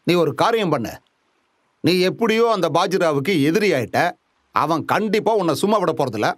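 Smug, high-voiced gang boss. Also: male voice, expressive, moderate pace, no room sound, studio quality. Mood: smug, coaxing. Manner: condescending, coaxing threats. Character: scheming male gang boss, smug and menacing. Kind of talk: Tamil film dub.

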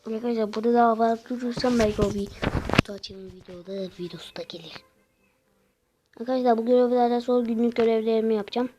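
Excitable young female game commentator. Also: on the high side, rapid-fire, background noise. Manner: excitable, frustrated outbursts, talks to viewers. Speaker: gameplay commentator. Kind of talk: casual gameplay commentary.

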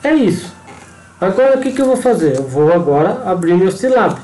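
A man with a Brazilian accent walks through a problem step by step, often stopping to check that the listener follows. His voice sits fairly high but sounds mellow and dark. The room adds a noticeable echo. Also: big pitch swings, brisk. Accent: Brazilian Portuguese. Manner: explanatory, frequent tag questions and pointing words. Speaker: engineering instructor. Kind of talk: screen-recorded tutorial walkthrough.

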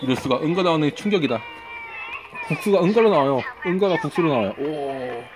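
A woman's voice: sits low, animated, a little fast, background noise. A woman reviewing new toys in a chatty vlog, often exclaiming in wonder at what she finds. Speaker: toy reviewer. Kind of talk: excited toy review vlog. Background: background music.

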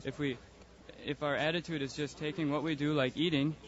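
Man in an outdoor debate, earnest, calm, a bit high-pitched, muffled lo-fi audio. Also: fairly quick. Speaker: passerby in a religious debate. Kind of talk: street debate. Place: outdoors on a city street.

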